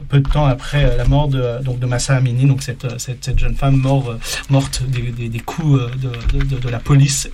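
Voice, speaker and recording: French guy hosting live radio in a studio, lots of euh and restarts, mid pitch. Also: a little mellow. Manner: halting, many fillers and restarts. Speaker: radio host. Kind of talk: hesitant live radio chat.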